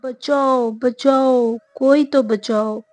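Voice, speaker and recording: A woman voicing a stingy, haughty male merchant who talks loudly and indignantly in a told folk tale. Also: medium pitch, measured pace, no room sound, close to an everyday voice. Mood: haughty, pleading. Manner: loud, indignant, pleading.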